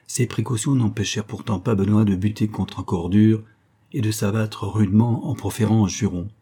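Low, dark-voiced man narrating. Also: fairly even intonation, normal speed, breathy edge. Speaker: audiobook reader. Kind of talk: scripted audiobook narration.

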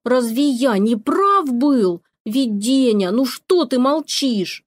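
A woman voicing a squabbling male house cat who whines and shouts complaints, in a storybook reading. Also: a little high, lively intonation, slow. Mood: indignant.

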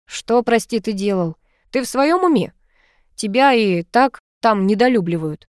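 A woman's voice: fairly high pitch, animated, unhurried, clean tone, no room sound, clean studio sound. A woman voicing a hot-tempered male king who scolds and swears. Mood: angry.

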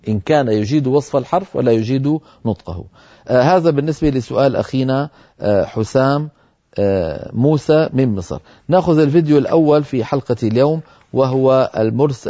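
A man's voice: medium pitch, dark tone. A man teaching Quran recitation on television, explaining and demonstrating letter sounds aloud. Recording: dull lo-fi broadcast audio.

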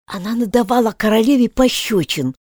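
A woman's voice: fairly high pitch, lively intonation, brisk, dry recording, voice pushed up. Nervous whispering storybook rabbit read by a woman, close dry sound. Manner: anxious, hushed, whispering.

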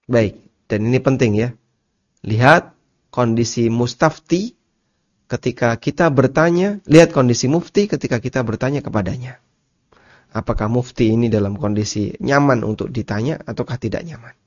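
A man giving a religious study lecture, explaining slowly, repeating key terms and asking listeners rhetorical questions. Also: medium pitch. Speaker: Islamic teacher. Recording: dull lo-fi lecture recording.

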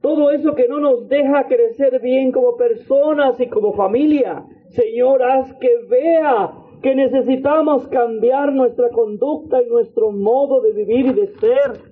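High-voiced man preaching over a tinny line. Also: unhurried. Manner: fervent preaching, repeated invocations, swings between low and high pitch. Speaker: missionary preacher. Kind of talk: sermon. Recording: tinny phone-like audio.

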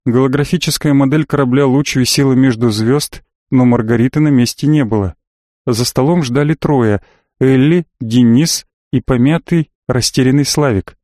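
A man narrating an audiobook in an even, measured reading voice. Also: medium pitch, no room sound, studio quality. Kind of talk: scripted narration.

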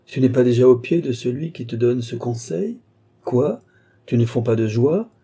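A crafty old marshal, as a man with a dark, husky voice reads him aloud, coaxing one moment and scolding the next. His voice jumps well above the reader's own low register into sharp, lively outbursts. It is audiobook character acting, cunning and impatient. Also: moderate pace. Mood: exasperated. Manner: wheedling, then scolding in sudden high bursts. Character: scheming old male marshal, sly and impatient.

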